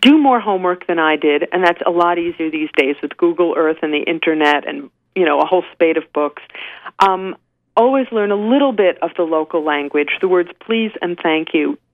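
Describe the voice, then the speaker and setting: A woman's voice: on the low side, animated, normal speed, no echo. Woman, Canadian accent, interview guest, chatty, self-deprecating, phone-line sound. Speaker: guest author.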